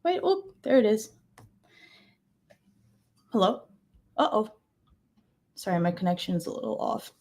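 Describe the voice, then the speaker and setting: A woman's voice: medium pitch, sing-song, a little slow, long pauses, a little mellow. A woman presenting over a video call, speaking hesitantly with many fillers, her audio cutting out and dropping on a bad connection. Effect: bad video-call connection, audio cutting out and dropping in level. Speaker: conference panel presenter.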